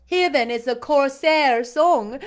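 Reading an audiobook aloud, a woman voices a proud, scornful young aristocrat who speaks in an imperious, showy manner. She pitches her voice high and pushes it upward, delivering the lines slowly.

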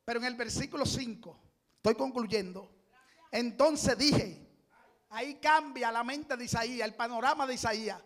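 A middle-aged man preaching in a strikingly high voice. He builds to loud, impassioned cries, repeats his phrases again and again, and then drops back into plain talk to tell his stories. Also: moderate pace. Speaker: pastor. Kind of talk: sermon.

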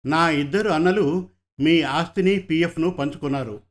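A man's voice: fairly high pitch, normal speed, close to an everyday voice. A man reading the heartfelt lines of a hurt young unmarried son in a storybook. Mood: aggrieved. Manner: earnest, heartfelt.

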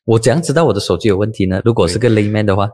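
A male host speaks Mandarin with a Malaysian accent in a relaxed, conversational way, with plenty of filler particles. His voice sits low and the recording is dry and close. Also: rapid-fire, husky, no room sound. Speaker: news talk show host. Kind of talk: casual news chat with a guest.

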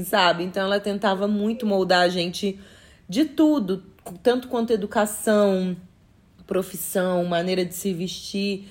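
A woman's voice: mid-range voice, darkish tone. A woman guest in a casual interview, speaking frankly and conversationally in a firm, projected voice.

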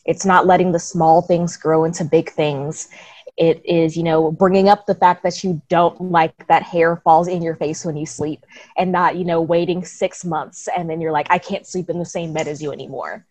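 Low-voiced young woman, candid. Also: fairly even intonation, normal speed, darkish tone, dry recording. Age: 20s. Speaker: panel guest. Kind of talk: casual discussion.

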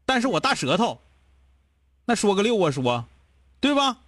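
A man with a Northeastern Mandarin accent lectures a caller bluntly, firing off one rhetorical question after another. His voice sits very high for a man and leaps around a lot. The sound is dry and close, with no room echo. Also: sing-song, a bit bright. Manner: blunt, scolding, rapid-fire rhetorical questions. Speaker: advice show host. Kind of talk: call-in advice chat.

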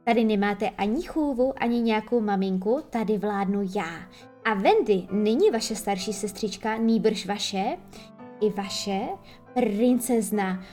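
A woman's voice: medium pitch, mellow, faint music behind, close to an everyday voice. A woman voicing a proud, bossy boy leader who speaks sternly and solemnly. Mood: stern, commanding.

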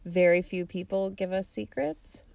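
A woman's voice: medium pitch, normal speed, vocal fry, darkish tone, no echo. A woman in her thirties co-hosting a podcast, chatting casually and candidly, poking fun at herself and laughing often. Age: 30s. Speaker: podcast co-host. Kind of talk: casual chat.

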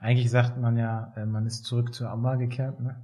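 A man in his thirties from Germany, a physiotherapist talking as a podcast guest in a relaxed way, with many fillers and hesitations. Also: mid-range voice, brisk. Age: 30s. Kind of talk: casual interview talk.

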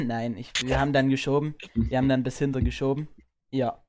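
A young man chatting on a live stream, spinning anecdotes with easy laughter. His voice sits at a middle pitch and has an everyday sound. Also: fairly even intonation, brisk, darkish tone. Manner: storytelling, laughing through anecdotes. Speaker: stream co-host. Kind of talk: casual chat.

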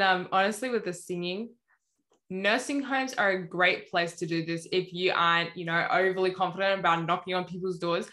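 A woman guest on a faith podcast, talking in a relaxed, chatty way and filling her speech with "you know". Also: lowish voice. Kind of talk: casual faith podcast chat.

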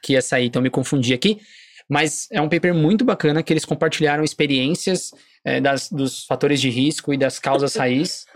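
A podcast host who talks quickly and playfully, joking with the guest and co-host. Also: mid-range voice, no echo, clean studio sound. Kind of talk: casual podcast interview.

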